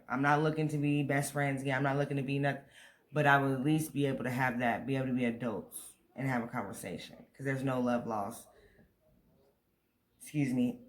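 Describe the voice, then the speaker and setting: An American vlogger vents to his viewers in a storytime video, talking casually and at rambling length to a camera set on a tripod. His voice sits at medium pitch with a slightly bright quality.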